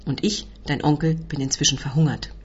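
A woman reading aloud as a loud, self-pitying Polish uncle who rants and bellows. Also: deep voice, fairly even intonation, brisk, breathy edge. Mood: pleading. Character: loud desperate middle-aged Polish uncle, man. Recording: dull lo-fi recording.

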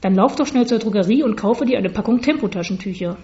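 Bossy big sister girl, read by a woman, lecturing, mellow voice, slightly dull recording. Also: mid-range voice, quick pace, natural voice. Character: bossy know-it-all older sister, a girl.

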